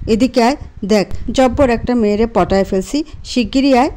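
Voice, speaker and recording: A woman voicing a bossy, teasing young husband in a narrated storybook, in a lightly lowered version of her own voice. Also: normal speed, dark tone, slight background noise, close to an everyday voice.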